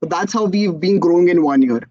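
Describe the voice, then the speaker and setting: A young man with an Indian English accent telling his startup story as a motivational talk, animated and acting out quotes. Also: high-pitched, a little fast, no echo, lo-fi sound. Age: young adult. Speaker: student entrepreneur speaker.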